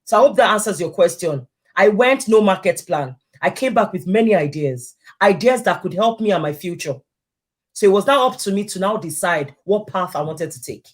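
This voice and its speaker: Animated woman telling her business story. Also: mid-range voice, normal speed. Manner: animated storyteller acting out quoted exchanges. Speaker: guest. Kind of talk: casual interview chat.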